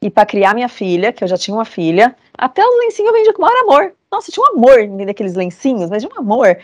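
This lecturer, a Brazilian woman in her forties, talks fast in a fairly high voice with huge pitch swings. She gives students an earnest, emphatic motivational talk over a video call, repeating phrases for conviction, captured at studio quality with no echo.

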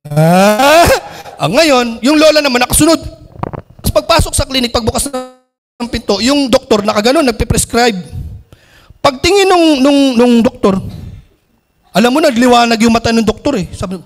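A high-voiced man tells a comic story to a live audience and acts out each part with animation. His voice rings through an event hall with long reverb. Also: expressive, moderate pace, long pauses, soft background music. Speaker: training director.

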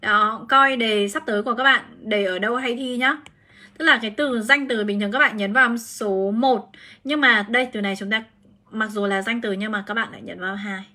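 A woman's voice: on the high side, steady tone, fairly quick, pushed and bright. A woman English teacher from Vietnam, giving a chatty live-streamed exam prep lesson and explaining each answer step by step.

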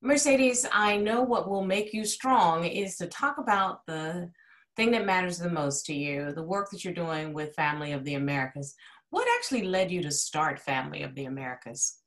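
A woman's voice: on the low side, moderate pace, a bit bright. A woman hosting an interview over a video call, polished and gracious, asking questions with emphasis. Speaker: talk show host, interviewer.

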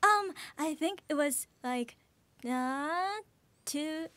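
A young woman in her early twenties speaks in a high, cute anime-girl voice. She takes her time, searching for words in casual interview chat. The studio sound is close and dry. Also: expressive, extremely slow, fairly bright tone, dry recording. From Japan. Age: early 20s. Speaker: guest, voice actress. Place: small radio studio, indoors. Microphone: desk gooseneck microphone.

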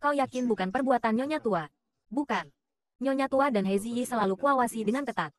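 High-voiced woman dubbing a drama. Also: a little fast. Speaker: voice actor dubbing all roles. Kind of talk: dubbed short drama dialogue.

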